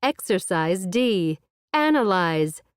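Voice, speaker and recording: A woman announcing exercises and page numbers for a textbook audio track in a crisp, formal way. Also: medium pitch, very animated, slow pace, no room sound, clean studio sound.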